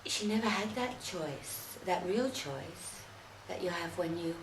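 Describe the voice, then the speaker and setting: A woman commenting on a video, halting and full of restarts. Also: fairly low pitch, expressive, roomy sound, background noise. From Australia. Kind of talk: casual commentary.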